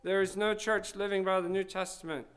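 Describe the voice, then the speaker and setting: A man reading aloud the lines of a grave, devout Swiss believer, earnest and calm. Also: high-pitched, fairly quick, clean tone.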